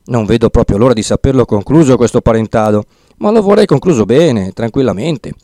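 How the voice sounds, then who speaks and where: A man's voice: medium pitch, a little fast, dry recording, clean studio sound, close to an everyday voice. A man voicing a timid, fussy old village priest who rambles and frets in an audiobook reading. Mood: cautious, evasive. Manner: fretful, rambling, excitable.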